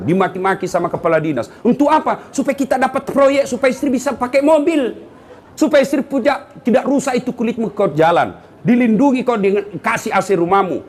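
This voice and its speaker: A middle-aged man, giving a comedic sermon and teasing the congregation by calling out to them. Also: high voice. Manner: animated, teasing, calls out to the audience. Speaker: preacher.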